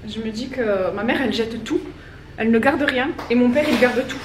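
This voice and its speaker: A French vlogger in her thirties chats casually and rambles to the camera while folding laundry at home. Her voice is on the high side at a normal speed, and the audio has roomy echo, a distant mic, and background noise.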